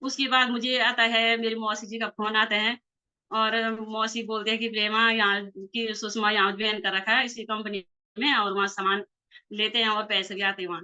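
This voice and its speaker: Woman, network marketing leader, casual personal story, animated dialogue, bright tone, dull lo-fi sound. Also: mid-range voice, moderate pace. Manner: animated retelling of conversations. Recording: slightly dull lo-fi recording.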